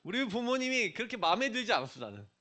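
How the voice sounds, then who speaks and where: Middle-aged man, pastor at a church, conversational youth sermon; pitched high, very expressive. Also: racing. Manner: conversational, questions the listeners directly. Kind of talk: sermon to young people.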